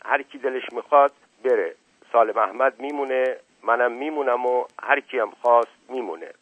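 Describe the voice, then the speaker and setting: A man's voice: mid-range voice, dry recording, phone-quality sound, voice pushed up, lightly acted. A man reading aloud as a firm, decisive village elder who leads the others. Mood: commanding. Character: commanding village elder man, calm leader.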